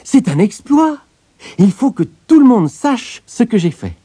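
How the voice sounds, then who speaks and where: A man doing a squeaky, cocky little tailor. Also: sing-song, normal speed, mellow, husky, dry recording, studio quality, exaggerated voice. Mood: boastful. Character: small boastful male tailor, cheeky and proud. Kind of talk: storybook reading.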